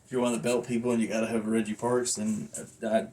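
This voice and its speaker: Mellow and fairly low, the man's voice stays level while he talks quickly. In a rambling hobby review he comes across as folksy, self-deprecating and casually profane; the sound is noisy, from a phone placed away from his mouth.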